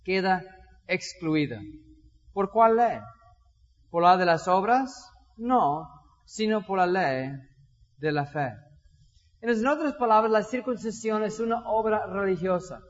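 Pastor, male, high voice, lively sermon delivery, dull recording in a hall with long reverb. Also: unhurried, pauses often. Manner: animated, acts out dialogues with shifting voices.

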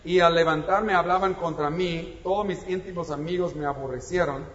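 A man's voice: on the high side, steady tone, moderate pace, a bit bright. A man preaching a sermon in a conversational way, now and then rising to emphatic exclamations. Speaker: pastor. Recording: echoey hall, dull lo-fi sound, faint noise.

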